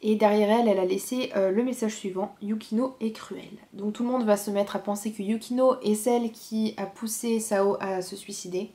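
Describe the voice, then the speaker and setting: A woman's voice: medium pitch, fairly even intonation, a little fast, hardly any pauses, warm tone. A young woman chatting casually about new manga releases, talking with frequent hesitant fillers. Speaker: manga vlogger. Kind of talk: casual book review chat.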